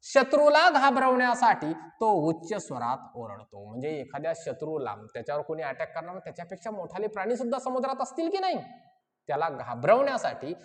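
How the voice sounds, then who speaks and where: A woman's voice: fairly low pitch, sing-song, fairly quick. A woman teacher explaining a reading passage to children, asking them questions and answering them herself. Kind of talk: exam-prep lesson for children. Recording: long hall reverb.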